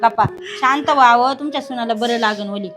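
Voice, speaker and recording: A woman's voice: fairly high pitch, brisk, a crowd in the background, lightly acted. An actress playing a nosy woman at a clinic in a comedy skit, consoling a crying stranger. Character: chatty woman waiting at the clinic.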